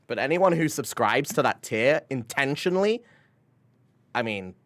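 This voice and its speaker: A man's voice: medium pitch, animated, unhurried, fairly bright tone. A young man chatting casually on his live stream, rambling with lots of "like" and "bro", laughing and swearing often.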